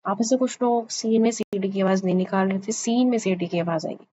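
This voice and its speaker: A woman's voice: medium pitch, warm tone. A woman teaching Quran pronunciation in a class, who patiently repeats each letter sound for her students to copy. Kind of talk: online class lesson. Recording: slightly dull lo-fi audio with faint background hiss.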